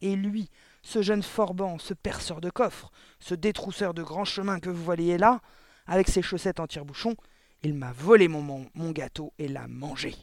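A man's voice: high voice, normal speed, darkish tone, no echo. A man reading a storybook aloud, voicing a cruel, furious woman headmistress who bellows insults at a pupil. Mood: raging.

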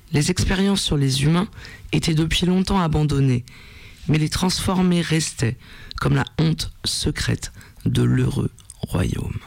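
A man hosting a radio program, reading a story aloud in a measured, deliberate way. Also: medium pitch, vocal fry, a little mellow, no echo.

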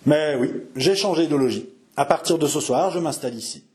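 A man playing a calm, ironic young chevalier who speaks with cool, biting composure. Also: on the high side, brisk, lightly acted.

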